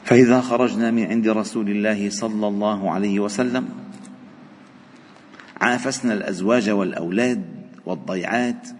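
A man with a Lebanese Arabic accent giving a Quran study lesson in a mosque, repeating phrases for emphasis and swinging between calm and animated delivery. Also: lowish voice, a little fast, slight background noise. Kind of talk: mosque sermon mixing classical Arabic and dialect. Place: mosque hall. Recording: hall reverb in a mosque.

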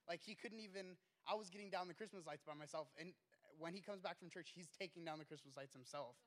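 A man's voice: on the high side, quick pace. Hesitant young man giving a testimony. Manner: hesitant, with many ums and uhs. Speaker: church member sharing a testimony. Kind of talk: personal testimony.

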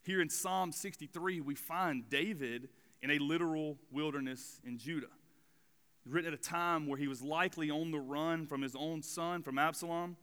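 Bright, clear pastor in his forties. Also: a little high, normal speed. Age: 40s. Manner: conversational, relaxed preaching with fillers. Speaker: student pastor. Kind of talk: sermon. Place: church sanctuary. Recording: long hall reverb of a church.

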